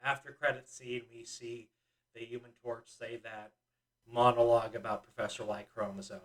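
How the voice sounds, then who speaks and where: A man's voice: medium pitch, level tone, normal speed, far from the mic, rough recording. A young man co-hosting a podcast, recapping a movie in casual chat with lots of ums and laughs. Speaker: podcast co-host.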